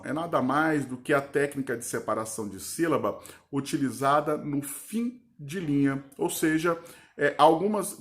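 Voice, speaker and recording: A male teacher with a voice pitched a little high. He teaches a grammar lesson didactically, often pausing to ask if the viewer is following. He draws words out slowly when he breaks them into syllables.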